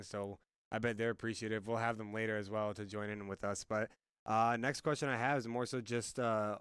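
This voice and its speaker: Young guy doing a chill interview, clear voice, dry sound. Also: fairly low pitch, no room sound. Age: young adult. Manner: relaxed and friendly, loose phrasing. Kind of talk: casual interview.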